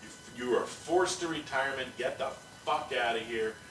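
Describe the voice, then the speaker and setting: A man's voice: mid-range voice, moderate pace, a bit bright, echoey room, recorded from a distance, soft background music, low-quality recording. A man hosting a podcast in casual chat, talking bluntly and profanely in a ranting way. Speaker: podcast host.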